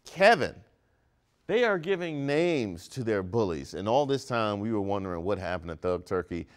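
A man in his thirties from Maryland hosting a comedic news segment, wisecracking with animated punchlines in a studio. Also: fairly low pitch, normal speed. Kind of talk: scripted comedic news commentary. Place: studio with brick wall set.

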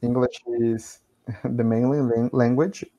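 Indoors in a small room at home, a Brazilian man in his thirties practises English in casual conversation over a video call, speaking with a Brazilian Portuguese accent. His mid-range voice is warm, fairly even and slow, in a rough recording, and he laughs often and leans on "you know".

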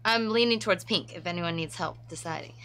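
A woman's voice: lowish voice, fairly bright tone, slight background noise. A woman co-hosting a craft livestream, bubbly and enthusiastic, chatting casually. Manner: bubbly, enthusiastic, quick to agree. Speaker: co-host crafter. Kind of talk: casual group chat.

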